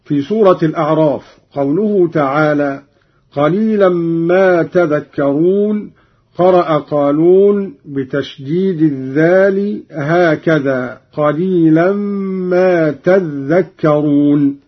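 Male recitation teacher, husky, unhurried explanations with drawn-out recited examples, lo-fi audio. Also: on the high side. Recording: dull lo-fi recording.

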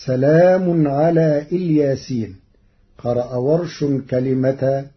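A man explains recitation rules in an unhurried, measured way, stopping to recite short examples. His voice sits mid-range in pitch. The recording is dull and lo-fi. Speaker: Quran recitation teacher.

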